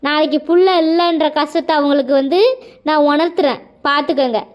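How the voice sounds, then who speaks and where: A woman's voice: high-pitched, steady tone, a little fast, lo-fi sound, natural voice. A woman voicing a tearful young husband in a cartoon, pleading and emotional. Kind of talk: cartoon voice acting.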